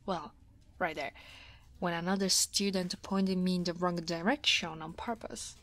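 In this ASMR roleplay, an Italian woman with a mid-range voice portrays a weary dragon office senior who flusters easily. Her delivery is soft, breathy, and hesitant, often slipping into a half-whisper.

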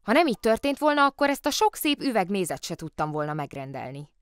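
A cheeky, good-natured storybook bear who plays at being a policeman, put on by a woman reading aloud. His voice swings lively up and down as he talks his way out of trouble with innocent excuses. The studio sound is close and dry. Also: medium pitch, clean tone, dry recording, pitched above the performer's own voice, lightly acted. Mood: cheerfully innocent. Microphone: studio microphone.

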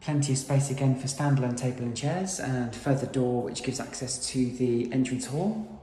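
A British man narrates a property tour in the gushing patter of an estate agent. His voice sits at a middling pitch. The sound is clearly echoey, as in bare, unfurnished rooms. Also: moderate pace, mellow, slight background noise. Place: inside and outside an empty new-build house.

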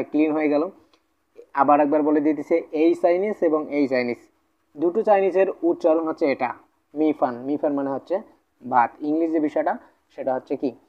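A man's voice: fairly high pitch, muffled recording. A man teaching a vocabulary lesson in a casual, repetitive way, often checking in with the viewer. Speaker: language tutor.

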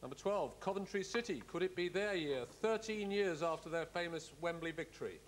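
A middle-aged man hosting a televised cup draw, speaking in a measured, courteous, official way. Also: high voice, slight background noise. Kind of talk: formal live announcement. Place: studio-style hall set with audience.

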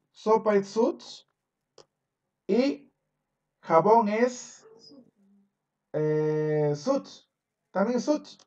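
A man's voice: high-pitched, darkish tone, far from the mic, lo-fi sound. A man teaching an online English class, patiently repeating words and phrases over and over for his pupils. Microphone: video call.

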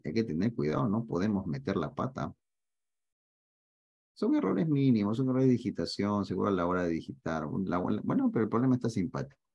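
Man, math teacher, online class, deep gravelly voice, mellow, dry sound, teasing and joking. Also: big pitch swings, brisk, no room sound, muffled recording. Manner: joking, teasing, asks students to confirm often. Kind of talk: online class, solving problems with students.

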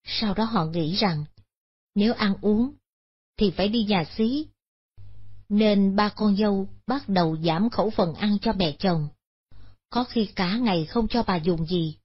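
Husky woman narrating a Buddhist tale. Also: medium pitch. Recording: dull lo-fi sound.

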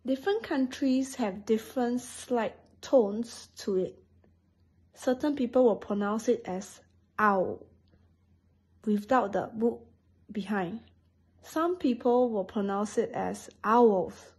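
A woman's voice: fairly high pitch, unhurried, warm tone, slightly rough, rough recording. A woman from Singapore with a Singaporean accent, patiently explaining English phrases and pronunciation step by step as a teacher.

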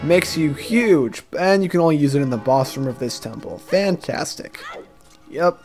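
A man's voice: fairly high pitch, lively intonation, normal speed, darkish tone. A man giving casual, joking walkthrough commentary over gameplay, rambling into self-deprecating asides. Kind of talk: casual let's-play commentary. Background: game music.

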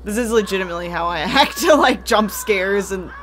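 A woman's voice: mid-range voice, expressive, brisk, fairly bright tone. A woman hosting a horror reaction video who comments casually, ranting and exclaiming in fright.

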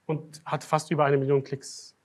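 A man giving a religious night lecture as a sheikh, swinging from quiet, low remarks to loud, emphatic declarations. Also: flat delivery, normal speed. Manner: grows loud and emphatic when making a point, drops low and soft at times. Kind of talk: Muharram night sermon. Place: lecture hall of a foundation.

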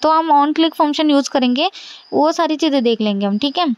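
High-voiced woman teaching code casually. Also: normal speed, no room sound. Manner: casual, repeats "okay" and "theek hai" often, reassuring. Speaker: coding tutor. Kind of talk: screen-share coding lesson.

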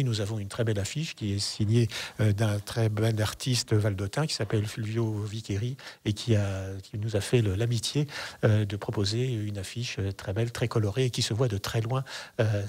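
Husky older man speaking slowly. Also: lowish voice, steady tone, darkish tone. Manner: measured, hesitant with many fillers. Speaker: festival association president. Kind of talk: radio interview. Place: radio studio. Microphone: studio mic on boom arm.

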